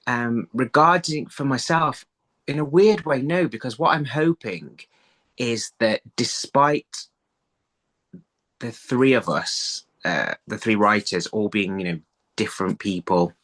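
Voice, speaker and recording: Slow and medium-pitched, with a slightly bright quality, this middle-aged man talks casually as a guest in an interview. He is an audio drama writer calling in by video on his phone from a small room at home. Mid-thought rephrasing is common for him.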